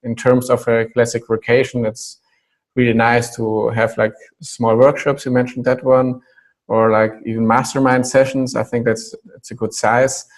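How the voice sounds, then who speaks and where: Man, interviewer, flat monotone, hesitant questions with lots of fillers. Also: mid-range voice, moderate pace. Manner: loose and hesitant, many fillers.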